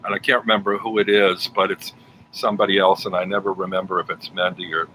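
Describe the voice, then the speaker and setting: A man's voice: low voice, little pitch movement, fast, bright, forceful tone, poor audio. A man hosting a livestream and chatting casually with his guest and viewers. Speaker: livestream host. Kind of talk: casual chat. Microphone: home livestream setup. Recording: faint background noise.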